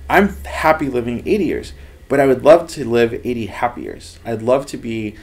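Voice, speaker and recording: A man in his thirties from Los Angeles speaks in a casual interview, earnest and animated as he tells stories. His mid-range voice carries a gravelly, fried edge. He is seated in an office lined with bookshelves. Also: medium pitch, normal speed. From Los Angeles, United States. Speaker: lab head researcher.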